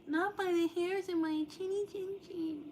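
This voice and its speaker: A woman playfully voicing a blustering male big bad wolf from a fairy tale, drawing out the threats in a high sing-song. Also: steady tone, moderate pace, darkish tone, a little hiss or hum.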